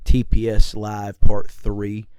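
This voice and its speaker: A man's voice: fairly low pitch, monotone, slow pace, warm tone, clean tone, dry recording, studio quality. An American man co-hosting a comedy podcast, laid-back and agreeable, saying yeah and dude a lot. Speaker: podcast co-host. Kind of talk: casual podcast banter.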